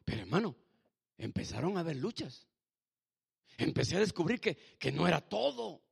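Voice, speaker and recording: A man's voice: on the high side, moderate pace, vocal fry, breathy edge. A man preaching in church, telling his own testimony to the congregation and calling the listeners brother. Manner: animated, addresses listeners as brother. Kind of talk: sermon testimony.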